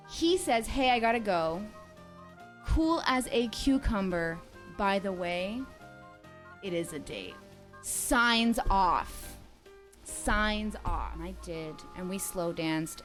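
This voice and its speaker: A woman in her thirties telling a story on a casual livestream, acting out the quoted dialogue. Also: medium pitch. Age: 30s. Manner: animated, acts out quoted dialogue. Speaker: streamer's girlfriend, guest.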